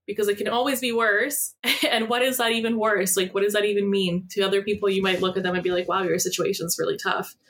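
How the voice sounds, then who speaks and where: A woman's voice: mid-range voice, little pitch movement, fast, few pauses, a bit bright, slight background noise. A woman telling a personal story in a candid, reflective conversation, with many fillers and the odd laugh. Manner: reflective, frequent fillers, laughs while talking. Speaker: podcast guest, spouse of an injured partner.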